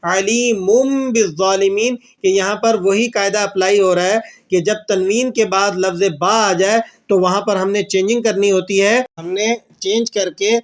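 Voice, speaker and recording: A man with a fairly high-pitched voice teaches the rules of Quran recitation. He poses questions and answers them himself, and slowly draws out the verses he recites as examples. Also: fairly even intonation. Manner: slow drawn-out recitation of verses. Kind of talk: tajweed lesson with recited examples.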